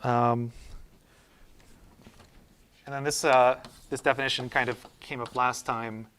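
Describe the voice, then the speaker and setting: A man teaching a university math class, talking it through informally as he goes. His voice sits in a middle pitch, and he restarts and checks in with the room often. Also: level tone, slow, a bit bright, clean tone. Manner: informal, thinking aloud with many fillers and restarts. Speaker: university lecturer. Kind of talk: casual classroom lecture. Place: lecture room.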